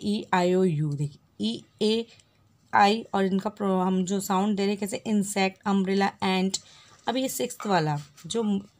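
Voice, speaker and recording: Slow woman teacher sounding out words. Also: medium pitch. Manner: repeats and sounds out words syllable by syllable. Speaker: English grammar teacher. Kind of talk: slow explanatory lesson for children.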